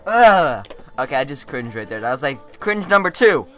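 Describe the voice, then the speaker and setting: A man's voice: medium pitch, big pitch swings, brisk, pushed and bright, soft background music. A young man giving slangy, exclamatory reaction commentary, cringing with secondhand embarrassment at other people's mishaps. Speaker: reaction video host. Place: indoors, small home room.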